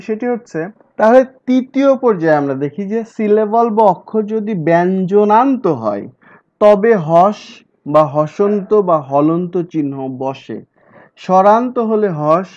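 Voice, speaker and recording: A man's voice: high voice, lively intonation, moderate pace, a little mellow. A male teacher giving an exam-prep lecture, explaining step by step and repeating key words. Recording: dull lo-fi recording.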